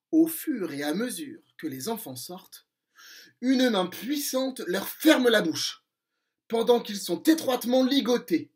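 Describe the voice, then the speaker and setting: A man reading a storybook aloud to children, slow and expressive. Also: high-pitched.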